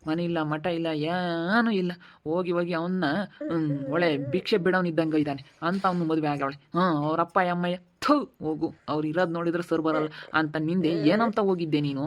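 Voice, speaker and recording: A woman's voice: fairly low pitch, fairly even intonation, fast, close to an everyday voice. A woman playing an angry, stern middle-aged village father who scolds and insults. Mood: bitter scolding. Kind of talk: village family drama acting.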